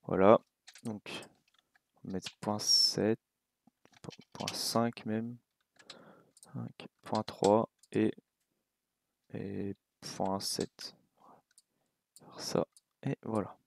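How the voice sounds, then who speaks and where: A young man with a French accent giving a relaxed, casual coding tutorial at his computer, thinking aloud with many fillers and asides. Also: fairly low pitch, drawn-out words, creaky, pauses often, slight background noise. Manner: relaxed, talks while clicking, many fillers and little asides. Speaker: game development tutor.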